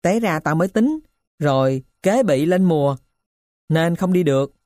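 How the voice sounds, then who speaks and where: A woman's voice: low voice, expressive, unhurried, dark tone, dry recording, studio quality. A woman voicing a scrappy stepchild boy who talks bluntly and eagerly.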